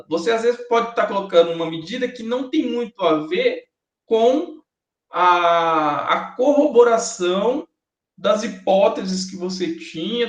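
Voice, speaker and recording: A man's voice: high voice, fairly bright tone. A man with a Brazilian Portuguese accent giving a university classroom lecture, chatty and joking with students. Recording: echoey classroom recording.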